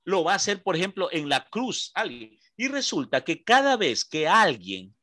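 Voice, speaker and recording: This is an Ecuadorian man leading a Bible study, his voice sitting a little higher than most men's. He explains step by step, goes back over his main points, and keeps asking the room whether they follow. The sound is close and dry, with no room echo. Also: big pitch swings, bright, forceful tone. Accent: Ecuadorian Spanish. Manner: explanatory, checks understanding with short questions; repeats points slowly for emphasis. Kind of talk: teaching a Bible class.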